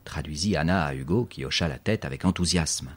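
Narrator: man, deep-voiced and breathy, expressive storybook reading. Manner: expressive reading, spells words out slowly. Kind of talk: audiobook narration.

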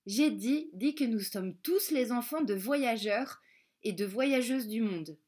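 Slow, gentle woman reading a storybook. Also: fairly high pitch, expressive. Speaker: storybook reader. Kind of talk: children's storybook narration in the first person of a schoolgirl.

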